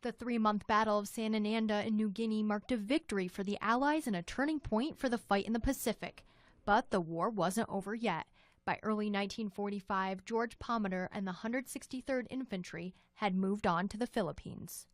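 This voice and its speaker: A woman's voice: mid-range voice, fairly quick, no room sound. An American woman reading a scripted news story as a television reporter.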